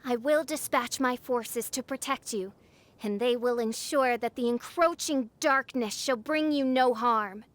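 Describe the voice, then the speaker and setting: A woman with a fairly high, natural voice plays a theatrical teenage girl adventurer in a video game cutscene, speaking a little slowly with no echo. She sounds like a grandiose princess, imperious and pompous, using archaic diction.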